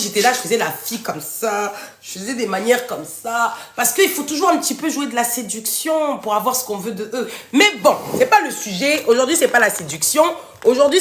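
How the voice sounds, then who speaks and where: A woman hosting a casual live stream, giving relationship advice and answering viewers' comments in an expressive way. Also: medium pitch, slight background noise. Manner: animated and expressive, addresses viewers directly and answers chat. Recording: echoey room.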